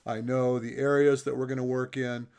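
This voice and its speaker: A man's voice: medium pitch, little pitch movement, normal speed, darkish tone, clean tone. A man hosting his own podcast, talking in a chatty, self-deprecating way. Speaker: podcast host. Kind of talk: casual podcast monologue.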